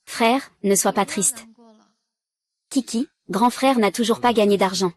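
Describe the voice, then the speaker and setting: A woman voicing all the roles of a drama series in one even, unchanging reading voice. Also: mid-range voice, measured pace. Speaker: voice-over dubber. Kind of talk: single-voice dub of a drama series.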